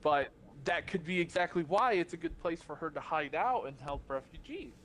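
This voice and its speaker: Excitable higher-voiced podcast co-host man. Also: a little hiss or hum. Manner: quick, excitable, stumbling restarts. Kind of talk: casual chat.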